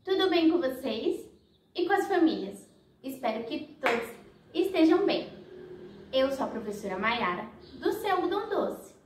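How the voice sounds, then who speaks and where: A woman's voice: sits high, sing-song, normal speed, reverberant, far from the mic, slight background noise. A woman, a nursery teacher, telling a children's story to toddlers in an exaggerated sing-song manner.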